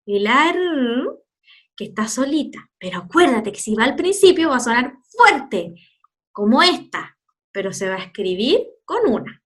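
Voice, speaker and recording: A woman teacher giving a recorded lesson to young children, stretching out sounds slowly and playfully. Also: a little high, sing-song. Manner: slow, drawn-out pronunciation of sounds, playful.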